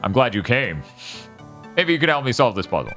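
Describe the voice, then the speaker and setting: A man's voice: mid-range voice, sing-song, fairly quick, pushed and bright, faint music behind. A man reading aloud as a chatty, helpful video game character who offers puzzle help for a price. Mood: friendly, musing.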